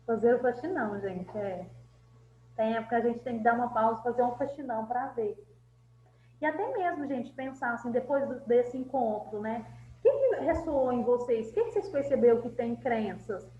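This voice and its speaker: Uma mulher co-apresentadora de um grupo terapêutico, incentivando o público e chamando todos de "gente". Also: female voice, on the high side, expressive, moderate pace, warm tone. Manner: addresses the audience often as "gente", encouraging. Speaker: co-host of a therapy group. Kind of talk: live group session chat. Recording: lo-fi, roomy, faint hum.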